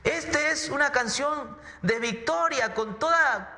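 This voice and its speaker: A man's voice: very high voice, a little slow, pushed and bright, in a large hall. A man preaching a sermon in church, emphatic, often repeating words and asking rhetorical questions. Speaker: pastor. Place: church hall.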